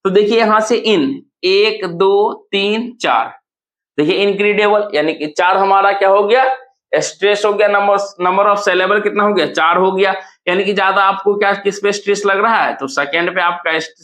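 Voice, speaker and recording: A man with a high voice teaches an exam-prep lesson. He asks questions and answers them himself, repeating words slowly to show where the stress falls. The sound carries a clear echo of the room. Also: fairly bright tone. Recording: echoey room.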